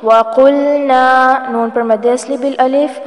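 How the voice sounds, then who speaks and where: A woman teaching tajweed, who chants words slowly and melodically and then explains each rule quickly. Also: sits high, darkish tone. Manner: alternates drawn-out melodic recitation with brisk explaining. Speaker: Quran recitation teacher. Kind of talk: tajweed lesson, slow recitation with quick explanations. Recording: echoey room with long reverb and faint music.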